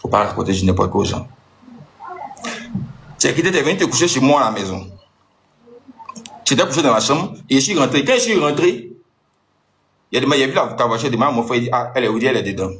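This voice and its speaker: A man's voice: medium pitch, expressive, quick pace, pauses often, fairly bright tone. A young man, telling off his ex-partner in an agitated monologue with rising outbursts. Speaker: social media personality. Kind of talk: angry monologue addressed to an ex-partner.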